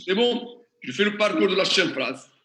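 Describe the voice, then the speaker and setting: A man's voice: sits high, expressive, moderate pace, pushed and bright. A man teaching a classroom tutorial, questioning the class and working through examples step by step. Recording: echoey classroom.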